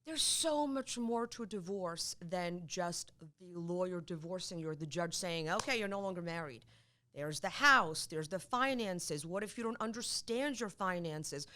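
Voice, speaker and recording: In a conversational interview, a middle-aged Polish woman whose first language is Polish speaks as a divorce attorney, her voice on the low side. She's forceful in her points and repeats herself readily when excited.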